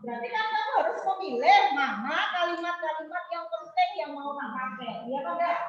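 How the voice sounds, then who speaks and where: A woman teacher giving an online class, explaining slowly and repeating each point. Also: very high voice, animated. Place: home room, video call. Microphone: video call. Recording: roomy, dull lo-fi video call.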